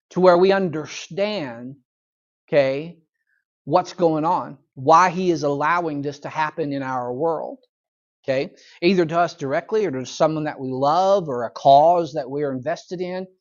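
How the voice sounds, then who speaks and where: A man's voice: on the high side, a little mellow. Pastor guy chatting thru a bible lesson, laughs a lot, quizzes the class, kinda dull lo-fi church recording. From United States. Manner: chatty storytelling, chuckles often, asks the room questions. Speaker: pastor teaching a Bible study.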